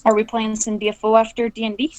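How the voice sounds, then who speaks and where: A woman's voice: on the high side, monotone, fast, no echo, low-quality recording. A woman playing a tabletop game over voice chat, thinking aloud in a casual way and swearing when flustered.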